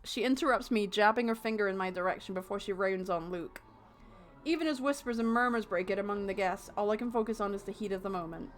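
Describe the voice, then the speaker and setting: A woman's voice: medium pitch, quick pace, faint music behind. A woman streaming a story game, reading its text aloud and adding playful, sarcastic remarks. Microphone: desk mic, no headphones.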